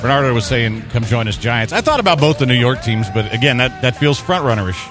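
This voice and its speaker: A man's voice: mid-range voice, expressive, fast talker, music in the background. An American man hosting a sports radio show with casual, opinionated talk.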